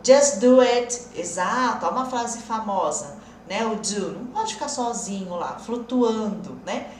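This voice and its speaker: Woman teacher on a live stream, chatty and patient, mid-pitched voice in a roomy space. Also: lively intonation, a little slow, darkish tone, distant mic, slight background noise. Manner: chatty, explains patiently, answers viewer comments, laughs often. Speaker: English teacher. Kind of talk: live-streamed English lesson.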